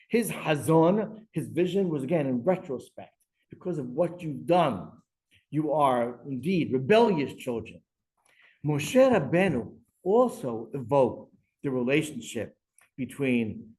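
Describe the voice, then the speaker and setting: A man's voice: medium pitch, a little mellow, rough recording. A man, a rabbi, giving a Torah class lecture. He speaks emphatically, asks rhetorical questions and weaves Hebrew verses into his English explanation.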